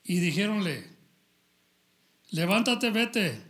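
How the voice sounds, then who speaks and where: Man preaching, high voice, slow delivery, halting scripture reading, loud bursts of praise. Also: sing-song. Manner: halting, stumbles while reading aloud; addresses listeners as brother.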